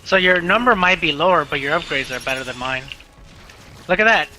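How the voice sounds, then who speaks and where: Brief: male co-caster, bright, slightly high voice, jokey strategy talk with swearing. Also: expressive, a little fast, slight background noise, rough recording. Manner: joking, explains strategy, swears freely. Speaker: co-player and commentator. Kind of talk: casual gaming commentary.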